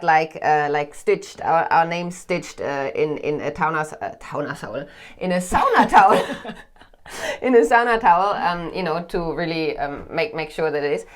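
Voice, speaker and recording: Brief: German woman, 30s, low voice, co-host explaining in a home sauna room. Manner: explaining with many fillers and restarts. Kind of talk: casual chat.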